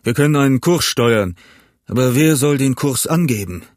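A man reading as Long John Silver, gruff pirate cook. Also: medium pitch, animated, moderate pace, no echo, studio quality, close to an everyday voice. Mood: lecturing. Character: cunning older male pirate cook, gruff and scheming. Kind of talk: audiobook reading.

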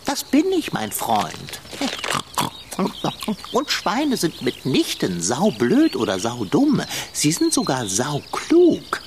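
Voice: mid-range voice, wildly swooping pitch, takes it slowly, background noise, heavily acted. Someone voicing a pompous gluttonous cat-turned-pig. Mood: smug. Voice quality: pompous, genteel, drawling. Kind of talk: audio drama acting.

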